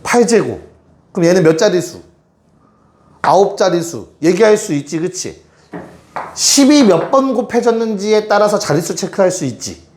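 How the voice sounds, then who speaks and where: With lively intonation and a high, slightly mellow voice, a man teaches math at a moderate pace, pausing often. He talks to students directly and keeps checking that they follow. There's echo and faint noise from the classroom.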